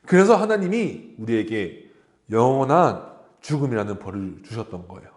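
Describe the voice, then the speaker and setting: A man's voice: mid-range voice, sing-song, darkish tone. A man gives a children's sermon, with his voice rising and falling as he asks questions and briefly acts out the characters' lines. The sound rings around an echoey church room. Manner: asks the children questions and acts out the snake and Eve in quick asides. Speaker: children's pastor.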